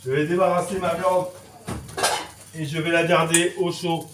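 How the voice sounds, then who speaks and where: Man from France, cooking lesson, slow delivery, echoey kitchen, faint sizzling. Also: fairly high pitch, little pitch movement, noisy background. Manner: chatty, lots of "hein" and "voilà", sound effects. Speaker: cooking teacher. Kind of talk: casual cooking demonstration. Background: frying and sizzling.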